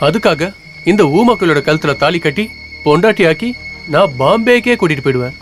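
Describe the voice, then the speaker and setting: An actor playing a sneering, greedy young schemer. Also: male voice, fairly high pitch, animated, fairly quick, lightly acted. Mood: scheming. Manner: sneering, menacing. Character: scheming greedy young man after a fortune. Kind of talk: Tamil film dialogue. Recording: film soundtrack with music. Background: film score.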